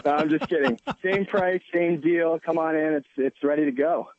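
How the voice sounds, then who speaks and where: A man's voice: on the high side, moderate pace, no room sound. Man talking over a tinny phone line. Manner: relaxed and joking. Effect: voice heard over the phone. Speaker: chef. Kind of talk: casual radio phone-in chat.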